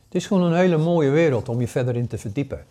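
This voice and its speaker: A man in his sixties gives a casual spoken lesson. His voice is warm and mellow, and his talk is full of fillers, restarts and hesitations. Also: on the high side, expressive, fast. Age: 60s. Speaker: paranormal course teacher.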